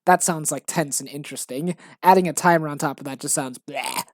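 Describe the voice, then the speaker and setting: Streaming the game she is building, a woman rambles casually and mocks herself, with plenty of fillers and restarts. She talks a little fast in a low voice with a darkish tone. The recording is dry, with clean studio sound.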